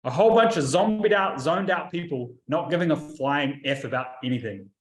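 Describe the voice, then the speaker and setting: A man's voice: a little high, brisk. New man in a roomy echo. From New Zealand. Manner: lively storytelling, animated asides. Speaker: marketing coach and video host. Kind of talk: casual talk to camera.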